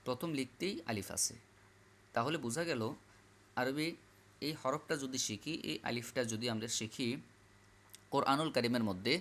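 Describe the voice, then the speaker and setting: A man teaching Quran reading, patiently repeating each letter aloud in a slow classroom style. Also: medium pitch, a bit bright. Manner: repetitive, drills letters aloud.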